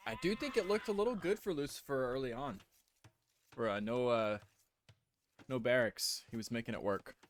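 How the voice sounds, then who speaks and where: A man giving casual live-stream commentary on a strategy game, relaxed and thinking aloud as he goes. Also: medium pitch, moderate pace, pauses often. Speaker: game caster.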